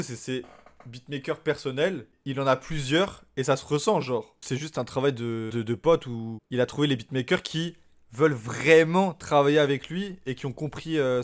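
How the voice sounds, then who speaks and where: A man streaming live, reacting to a rap album in excited, slangy commentary and repeating how shocked he is. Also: mid-range voice.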